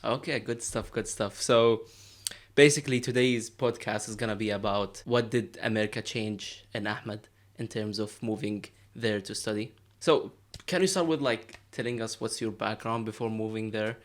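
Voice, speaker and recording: A man's voice: on the low side, moderate pace. A young man hosting his own podcast over a video call, asking questions in an easygoing, chatty way. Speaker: podcast host. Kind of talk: casual interview. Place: small room, indoors. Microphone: headset on a video call.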